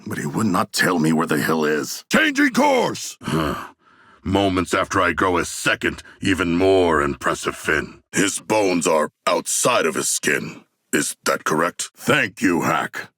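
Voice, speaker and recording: Deep, gravelly, formal shark-man. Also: unhurried, no room sound, clean studio sound, heavily acted. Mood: battle-ready, forceful. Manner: formal, stilted, articulate, deadpan. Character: hulking shark-man, formal, earnest, bloodthirsty. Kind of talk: video game voice lines.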